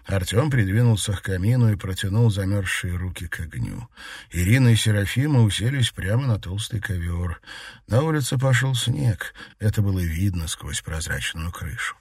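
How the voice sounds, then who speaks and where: Low-voiced male audiobook narrator. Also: lively intonation, a little mellow, slightly rough, no echo, studio quality. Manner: measured storytelling. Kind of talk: scripted narration.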